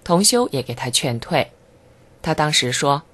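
Reading from a script in the first person, this narrator keeps a medium-pitched, steady, measured delivery that's earnest and stresses points fervently.

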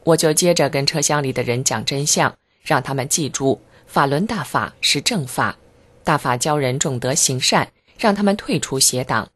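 Narrator, middle pitch, measured scripted reading, earnest with fervent emphasis. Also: fairly bright tone. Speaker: reader of a first-person testimony.

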